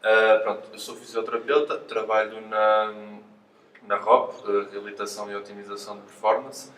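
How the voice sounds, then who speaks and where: A man with a European Portuguese accent is interviewed as a physiotherapist, explaining things while hesitating and repeating words. His lowish voice is level and fairly bright, at a moderate pace. The mic is distant, with roomy echo and faint noise.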